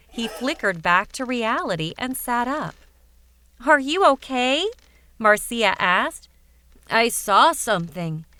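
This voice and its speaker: A woman narrating a fairytale audiobook in a measured, even way. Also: mid-range voice, dry recording. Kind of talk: scripted storybook narration.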